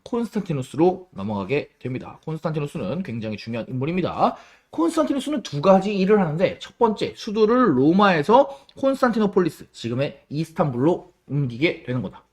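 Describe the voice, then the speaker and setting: A man teaching a history lecture to students, lively and casual, asking questions and answering them himself. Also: a little high, brisk, few pauses. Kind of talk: classroom lecture.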